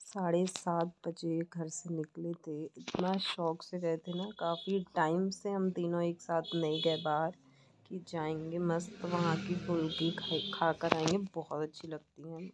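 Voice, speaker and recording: A woman's voice: low-pitched, little pitch movement, a little slow, background noise. A woman in her thirties chatting cheerfully to viewers in a casual daily vlog. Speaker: vlogger.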